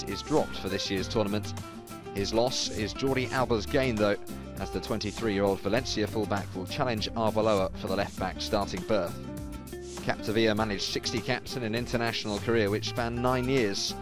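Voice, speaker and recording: A man narrating a scripted sports feature in a measured, informative way. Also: lowish voice. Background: guitar music.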